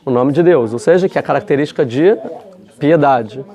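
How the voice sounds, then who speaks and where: A man with a mid-range, dark-toned voice teaches a casual religious lesson at a brisk pace. He's chatty and conversational, full of fillers, restarts, and rhetorical questions.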